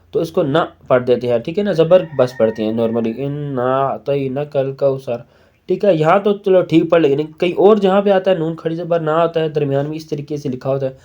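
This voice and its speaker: A man with a Pakistani Urdu accent teaching children to spell out and recite Quranic syllables, slowly drawing out the recitation and then explaining quickly. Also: a little high, warm tone, lo-fi sound. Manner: slow drawn-out recitation alternating with quick explanations.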